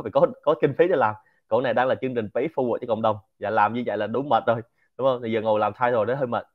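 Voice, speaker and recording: A man with a Central Vietnamese Quảng Nam accent giving a lively, informal lecture to a community and dropping English words into his talk. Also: mid-range voice, highs cut off. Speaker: speaker hosting a Q&A session.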